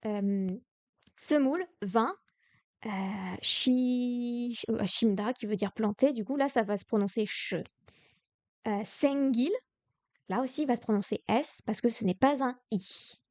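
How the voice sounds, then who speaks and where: A woman's voice: on the high side, unhurried, darkish tone, no room sound. A young French woman teaching Korean grammar on a live stream, explaining patiently with many hesitations and restarts, sounding tired. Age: young adult.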